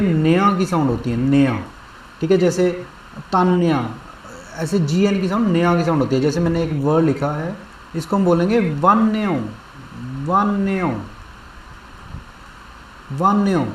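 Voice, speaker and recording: Distant man teaching in a roomy space. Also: a little high. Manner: slow, repeats each word and checks understanding. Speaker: language teacher. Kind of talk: classroom lesson. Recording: roomy, distant mic, faint background noise.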